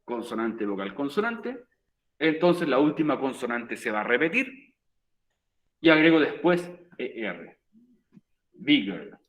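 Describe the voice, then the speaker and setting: Lively male teacher explaining grammar. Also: medium pitch, measured pace, long pauses. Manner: patient, repeats rules step by step. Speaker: English teacher. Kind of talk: recorded virtual class explanation.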